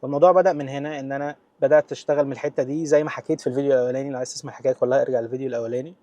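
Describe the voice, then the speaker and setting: A man's voice: mid-range voice, fairly even intonation, very fast, dark tone, no echo, highs cut off. A man in his twenties with an Egyptian accent talking naturally without a script, informal and direct as if to a friend, mixing in English terms. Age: 20s. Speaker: vlogger giving business advice. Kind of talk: natural unscripted talk to camera, casual.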